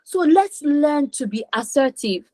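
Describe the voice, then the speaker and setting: A woman's voice: high voice, animated, a little slow, dark tone, dry recording. A woman coaching teenagers in an online class, stressing points by repeating them and checking in with "okay?". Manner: repeats for emphasis, acts out kids' voices. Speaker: confidence coach for teens.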